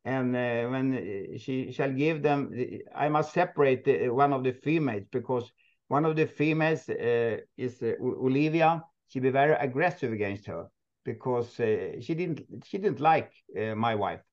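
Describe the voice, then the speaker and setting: A Swedish man who owns a moose park, speaking halting, non-native English with many restarts and frequent laughs in a casual interview. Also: medium pitch, muffled recording. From Sweden. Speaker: moose park owner, guest.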